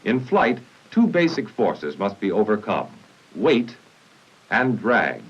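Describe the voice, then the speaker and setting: A husky, fairly low American man's voice swings widely in pitch as he reads formal training narration. The clip comes from a 1950s military film, measured in delivery, with a muffled, noisy old soundtrack.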